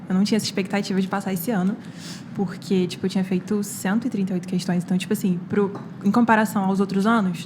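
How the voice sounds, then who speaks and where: A woman's voice: mid-range voice, slight background noise. A young Brazilian woman, a medical student guest, telling a personal story on a casual podcast with many quoted lines and fillers. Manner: animated retelling with quoted dialogue and many fillers.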